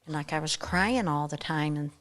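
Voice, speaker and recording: An older woman as a podcast guest, talking casually in a halting way, often trailing off and restarting. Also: low-pitched. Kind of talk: casual interview chat.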